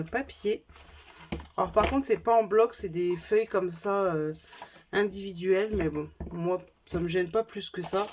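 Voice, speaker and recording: A woman's voice: medium pitch, darkish tone, slight background noise. A woman with a French accent, chatting casually as she shows her craft purchases one by one, correcting herself as she goes. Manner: chatty, self-correcting, lists items one by one. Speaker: craft vlogger showing purchases. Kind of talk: casual show-and-tell haul.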